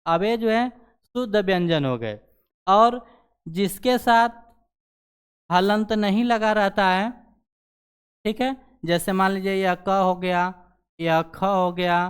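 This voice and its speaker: Clear-voiced man teaching a lesson. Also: high-pitched, slow pace, pauses often. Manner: repeats "ठीक है" after nearly every sentence; asks questions and answers them himself. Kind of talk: classroom grammar lesson.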